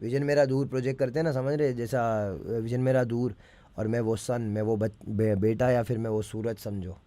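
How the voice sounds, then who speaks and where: A man's voice: mid-range voice, steady tone, normal speed, dark tone. A man, breaking down his own rap lyrics in a casual way and often checking that the listener follows. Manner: keeps checking the listener understands, mixes English phrases into Hindi. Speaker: rapper explaining his lyrics.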